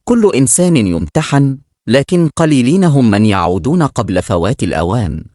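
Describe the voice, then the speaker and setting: A man's voice: medium pitch, sing-song, fairly quick, darkish tone, no room sound, studio quality, natural voice. A man reading as a grave, devout man. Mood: consoling. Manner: earnest, consoling.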